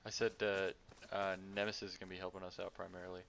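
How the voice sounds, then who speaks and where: Low male, quick delivery, radio operator in military game chat, faint noise. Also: little pitch movement, gravelly, fairly bright tone. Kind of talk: casual tactical voice chat.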